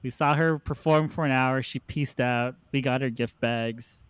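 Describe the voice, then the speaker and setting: A man's voice: medium pitch, measured pace, smooth, no room sound. Man, podcast host, casual storytelling, dry close sound. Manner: relaxed anecdotal storyteller, laughs often.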